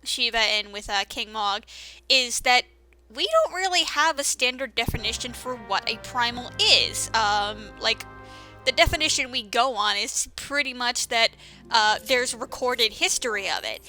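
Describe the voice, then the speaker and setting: A woman's voice: a little high, unhurried, sharp tone, soft background music. A woman giving casual, rambling commentary over a game playthrough, with many fillers and restarts. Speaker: let's-play commentator.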